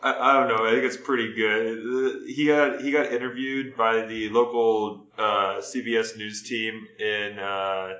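A man's voice: on the low side, fairly even intonation, measured pace, few pauses, pushed and bright, highs cut off. A man co-hosting a casual podcast, telling a story in a laid-back way, recorded on a laptop mic with a lot of room echo. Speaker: podcast co-host. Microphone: built-in laptop mic.

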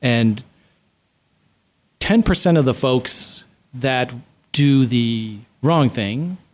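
A man's voice: mid-range voice, lively intonation, extremely slow. A man answering interview questions matter-of-factly as a guest in a radio studio.

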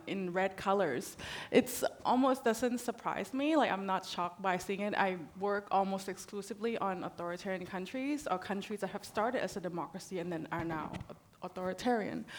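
A woman from Thailand speaking as a panelist, talking conversationally and often checking in with "right?". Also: medium pitch. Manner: conversational, frequent "right?" tags. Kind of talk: panel discussion talk.

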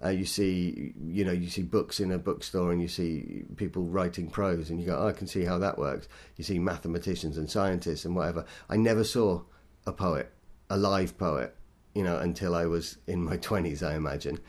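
A man, a poet, talking thoughtfully and self-deprecatingly in an interview, in a halting way. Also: sits low. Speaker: poet guest. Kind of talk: interview conversation.

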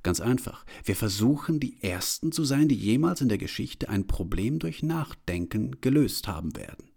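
A man's voice: mid-range voice, sing-song, normal speed, gravelly, darkish tone, breathy edge, exaggerated voice. A man reading as a blunt philosophizing woman. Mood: assertive. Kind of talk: audiobook reading.

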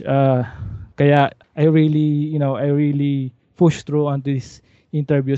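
A man's voice: a little high, dark tone, no room sound, muffled recording. A Filipino man hosting a podcast, chatting casually and rambling with many fillers and restarts. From Philippines. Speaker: podcast host.

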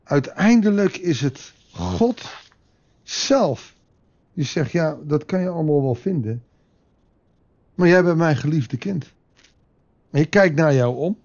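A man giving a daily Bible meditation, calm and reflective, with pauses and rhetorical questions, on a dull lo-fi recording. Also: a little high. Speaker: devotional speaker.

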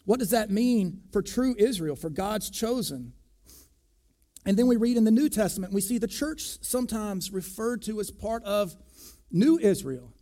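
High-voiced man preaching emphatically. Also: animated, moderate pace, mellow. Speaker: pastor. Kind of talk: sermon.

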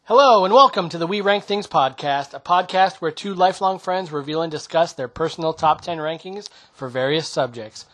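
A man co-hosting a casual podcast with a friend, easygoing and quick to laugh, with some hesitant fillers. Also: a little high, animated, a bit bright. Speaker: podcast co-host. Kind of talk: casual chat.

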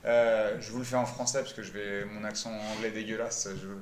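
A man's voice: lowish voice, flat delivery, brisk, slight background noise. A man hosting a casual football debate show, moderating and steering the talk between topics. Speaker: show host.

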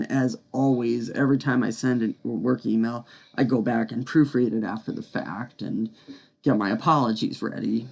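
A man's voice: mid-range voice, vocal fry, a little mellow. A man hosting a casual podcast chat, chatty and self-deprecating, often laughing at himself. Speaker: podcast host.

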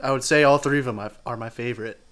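A man's voice: medium pitch, steady tone, fast talker, a bit bright. Male podcast guest, mid-range voice, casual, crude and self-deprecating humor. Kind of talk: casual chat.

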